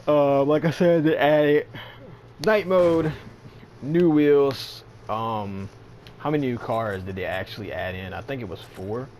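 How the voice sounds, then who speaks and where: A man's voice: mid-range voice, unhurried, darkish tone, a little hiss or hum. A man giving casual, rambling commentary on a game update, sleepy and yawning, with lots of fillers and slang. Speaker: gaming channel host.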